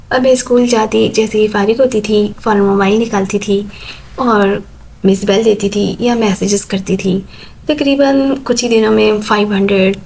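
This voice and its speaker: A woman's voice: medium pitch, gravelly, darkish tone, slight background noise, poor audio. A woman narrating a first-person story in a plain, conversational way.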